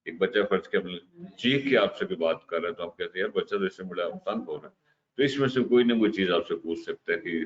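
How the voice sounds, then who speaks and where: A man teaching a lesson on communication, explaining slowly and mixing English terms into his speech, often checking in with "ठीक है". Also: deep voice. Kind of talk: lecture on communication. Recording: slightly dull recording with faint hiss.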